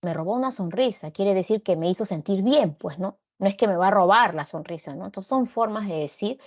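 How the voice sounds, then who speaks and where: A woman's voice: medium pitch, animated, fairly quick, lo-fi sound. A woman teacher with a Peruvian Spanish accent, giving a recorded class lecture and checking in with students through frequent tag questions.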